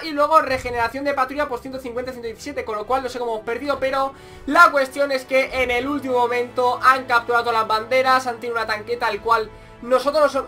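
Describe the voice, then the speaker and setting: A young man with a Spain Spanish accent giving excitable gameplay commentary, repeating phrases in quick bursts. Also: extremely high pitch. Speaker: gaming YouTuber.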